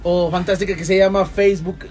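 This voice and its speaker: A man's voice: high-pitched, flat delivery, a little fast, a little mellow. A Mexican man hosting a casual podcast chat, joking and teasing his guests.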